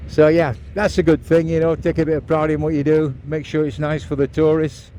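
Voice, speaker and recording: A man's voice: on the high side, monotone, fairly quick, mellow, a little hiss or hum. A man with an English accent giving chatty, matter-of-fact tour-guide commentary for a casual vlog, recorded outdoors while riding a scooter. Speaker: motovlogger. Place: outdoors, riding a scooter along a beach road.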